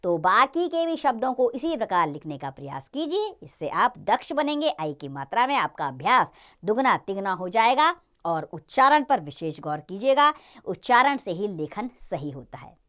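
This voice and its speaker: A woman teaching a children's lesson, speaking clearly and addressing the children directly. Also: mid-range voice, very animated, moderate pace, few pauses, a bit bright.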